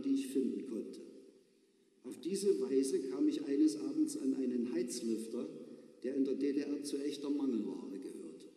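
A man's voice: medium pitch, dark tone. A man from East Germany reading his own humorous story aloud in a dry, understated way at a live event in a large church. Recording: echoey church from far off.

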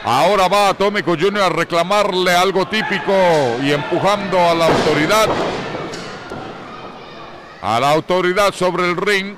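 A man doing live wrestling commentary as a play-by-play announcer, colorful and excitable, with drawn-out exclamations. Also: high-pitched. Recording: clearly noisy live venue recording.

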